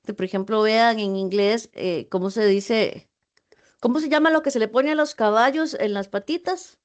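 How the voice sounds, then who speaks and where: A woman's voice: a little high, moderate pace. A woman tutor giving a university class over a video call, explaining writing with frequent rhetorical questions to her students. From Costa Rica. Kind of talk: online class lecture.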